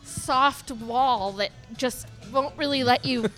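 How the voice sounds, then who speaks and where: Upbeat woman with a higher voice. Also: takes it slowly, a bit bright, faint music behind, low-quality recording. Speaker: interviewer. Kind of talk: casual chat.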